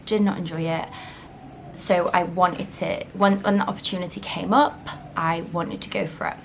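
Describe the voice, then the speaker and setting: A woman in her twenties, born in Poland, who grew up in Britain and speaks. She talks to the camera in a relaxed, chatty way, with frequent ums and likes. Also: mid-range voice, a little hiss or hum, low-quality recording. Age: 20s. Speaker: interviewee. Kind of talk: casual talk to camera.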